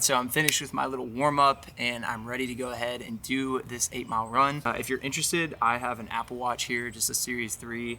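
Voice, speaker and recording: A man's voice: medium pitch, bright, forceful tone, distant mic. A man talking casually to camera as a running vlogger, explaining things in an informal way. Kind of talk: casual vlog talk to camera.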